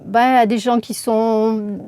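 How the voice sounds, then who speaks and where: A woman answering interview questions as an expert, thoughtful and halting, with frequent fillers and restarts. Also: on the high side, level tone, warm tone, clean tone. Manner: thoughtful, hesitant with many fillers.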